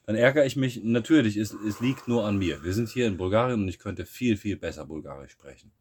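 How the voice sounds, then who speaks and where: A man from Germany co-hosting a podcast in casual chat, relaxed and musing, often restarting his sentences. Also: lowish voice, a little fast, slight background noise. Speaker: podcast co-host.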